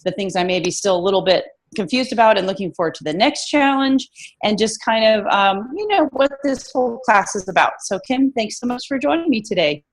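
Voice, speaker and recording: A woman hosts a casual interview in a medium-pitched, slightly froggy voice with lively intonation and a fairly quick pace. She's chatty, full of fillers and restarts.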